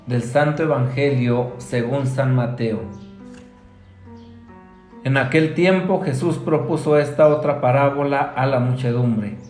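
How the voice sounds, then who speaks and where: A man, a priest, reading the Gospel aloud in a slow, measured liturgical way, his voice ringing in a church. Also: mid-range voice, darkish tone, reverberant, soft background music. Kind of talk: reading the Gospel and giving a homily.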